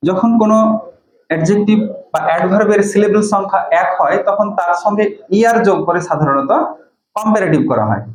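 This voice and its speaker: A man teaching English grammar, explaining step by step, dictating example sentences slowly and asking questions he then answers himself. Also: high-pitched, darkish tone, echoey room, low-quality recording. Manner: slow and deliberate when dictating sentences, asks and answers his own questions. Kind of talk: classroom-style lesson, explaining step by step.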